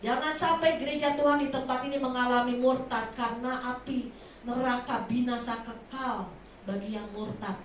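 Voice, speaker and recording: A woman preaching a sermon from Indonesia, impassioned, swinging between soft asides and loud exclamations, in a large church hall. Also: fairly high pitch, fairly even intonation, moderate pace, a little hiss or hum. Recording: echoey hall from far off.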